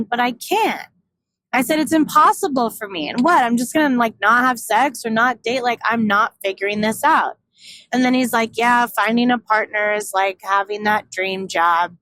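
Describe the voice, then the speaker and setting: A woman's voice: on the high side, fairly bright tone, rough recording. A young woman telling a casual vlog story, candid and profane, acting out both sides of a conversation. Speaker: vlogger. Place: in a car on a road trip.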